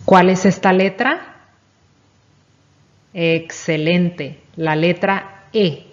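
A woman's voice: on the low side, steady tone, drawn-out words. A woman teaching young children their letters, speaking patiently and praising each answer. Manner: patient, encouraging, asks and praises. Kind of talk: children's reading lesson. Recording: dull lo-fi recording.

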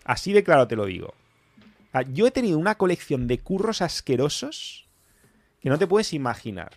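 A man's voice: on the high side, sing-song, normal speed, no room sound. A man from Spain with a Valencian accent, hosting a casual podcast chat in a blunt, emphatic manner, swearing freely. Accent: Valencian Spanish. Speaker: podcast host.

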